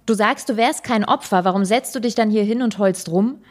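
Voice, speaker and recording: A woman's voice: medium pitch, fairly quick, close to an everyday voice. A woman voicing a mocking, accusing woman in a talk-show audience.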